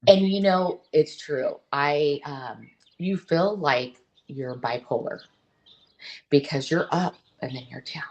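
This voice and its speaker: A middle-aged woman with a notably low, slightly mellow voice appears as an interview guest. She speaks openly, earnestly and haltingly, breaking off and restarting sentences in a candid, conversational way. The recording is muffled.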